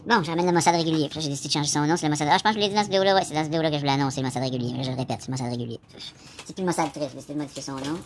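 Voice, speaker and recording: Rapid-talking Québécois man rambling. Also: a little high, a little hiss or hum. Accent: Québécois French. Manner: meandering, addresses the viewer directly, frequent filler "là". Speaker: vlogger. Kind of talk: rambling casual monologue to camera.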